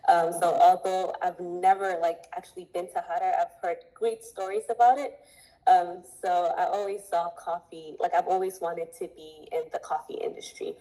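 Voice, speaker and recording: A young adult woman from Ethiopia, a coffee importer speaking earnestly as an interview guest, with many pauses to think. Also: on the low side, fairly even intonation, dark tone, poor audio. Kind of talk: interview conversation.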